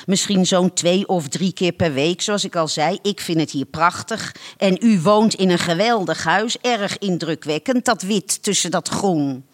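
A storyteller voicing a humble, eager poor man in a storybook reading, speaking quickly and earnestly. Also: mid-range voice, close to an everyday voice.

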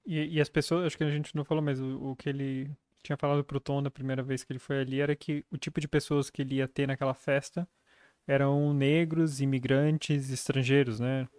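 A man's voice: medium pitch, level tone, fairly quick, darkish tone, clean tone, no echo, studio quality. A man in a casual book discussion, retelling scenes and reading quotes aloud.

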